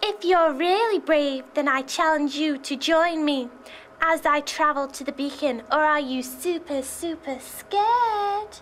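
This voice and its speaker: A woman voicing a taunting, daring kid in a cartoon, with drawn-out, repetitive emphasis. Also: high voice, a bit bright, soft background music. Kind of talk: exaggerated cartoon acting.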